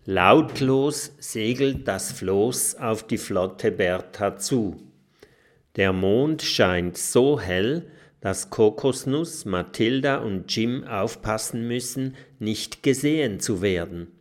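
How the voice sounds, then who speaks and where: A man narrating a children's storybook with a lively, expressive reading. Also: on the low side, slow pace. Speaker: audiobook narrator.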